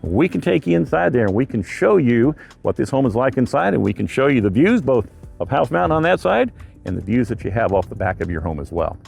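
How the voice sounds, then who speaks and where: A man's voice: medium pitch, very animated, fairly quick, gravelly, darkish tone, breathy edge, soft background music. A man working as a real estate agent, giving a casual, chatty tour of a home and neighborhood, outdoors at times, rambling with frequent filler sounds.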